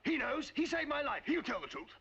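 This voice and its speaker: A blustering, pompous gentleman. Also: very high voice, very animated, fairly quick, exaggerated voice. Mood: indignant. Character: pompous, indignant English gentleman husband. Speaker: film character. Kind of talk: 1950s film acting. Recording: dull old film soundtrack with noise.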